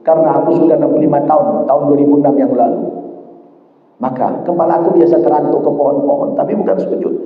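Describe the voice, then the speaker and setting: Brief: man playing frail dying old mother in her sixties, soft, lowered pleading voice, echoey hall. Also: fairly even intonation, fast talker, close to an everyday voice. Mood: tearful awe. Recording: echoey hall, dull sound.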